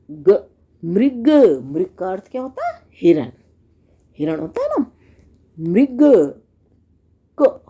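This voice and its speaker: A woman's voice: mid-range voice, mellow. A woman teacher with a Hindi accent explaining a lesson to children, asking questions and answering them herself as she sounds out syllables. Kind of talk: slow classroom explanation for children.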